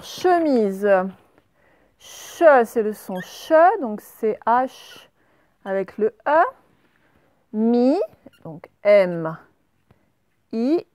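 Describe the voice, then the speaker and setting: A woman teacher leading a remote handwriting and dictation lesson, slowly spelling words out letter by letter. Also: fairly high pitch, a little mellow, dry recording. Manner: slow, spells out letters step by step. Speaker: primary school teacher.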